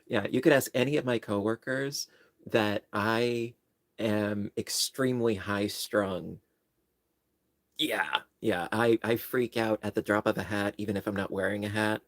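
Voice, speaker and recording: Speaking in a measured, fairly even way, this New York livestream host has a lowish male voice. He rambles through casual chat and pokes fun at himself, and there's no echo in the sound.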